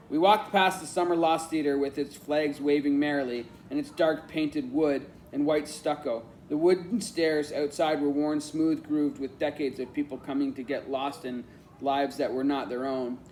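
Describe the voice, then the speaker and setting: A man narrating an audiobook in an even, reflective storytelling manner. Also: a little high, normal speed, a little hiss or hum. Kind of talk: scripted narration.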